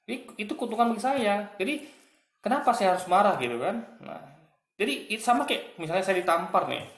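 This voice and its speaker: Speaking to his audience in a roomy space, this online commentator has a high-sitting, animated voice that moves briskly with a touch of brightness. He argues and mocks through a casual commentary, peppering it with "guys" and "gitu kan."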